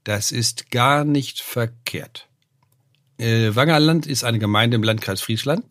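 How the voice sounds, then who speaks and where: An older man, a professor who researches names, explains where words come from on a podcast, lecturing with lively rises and peppering his talk with "ne?" and "äh." His mid-range voice moves at a measured pace, and the studio-quality recording has no room sound.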